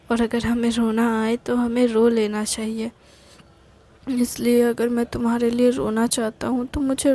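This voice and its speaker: A woman's voice: on the high side, warm tone. A woman voicing a devoted young man who declares his love in a romantic audio story, earnest and hesitant, often repeating words.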